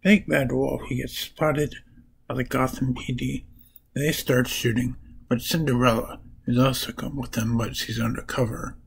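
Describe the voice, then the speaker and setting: A man casually retelling comic book plots in a halting, piece-by-piece way. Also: mid-range voice, level tone, creaky, breathy edge, rough recording.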